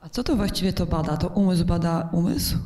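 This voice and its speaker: Hesitant woman workshop participant, low mellow voice. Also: fairly quick. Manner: hesitant, searching for words. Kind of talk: asking questions in a group.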